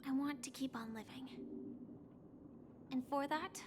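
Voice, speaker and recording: A woman voicing a cool, resolute, skeptical young woman in a video game, measured and matter-of-fact. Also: high-pitched, steady tone, noisy background. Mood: earnest, calm. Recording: music behind. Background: game music.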